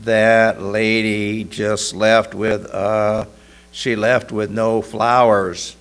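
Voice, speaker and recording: A woman's voice: mid-range voice, wildly swooping pitch, slow pace, vocal fry, a little mellow, slightly rough, voice pushed up, heavily acted. A man voicing a troubled woman customer who stammers and blurts things out. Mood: disbelieving. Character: troubled young woman customer, flustered and blunt.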